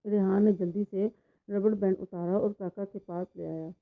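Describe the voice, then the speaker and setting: A woman reading a novel aloud in a steady storytelling voice; the sound is tinny and phone-like. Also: medium pitch. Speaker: novel reader. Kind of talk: storytelling narration.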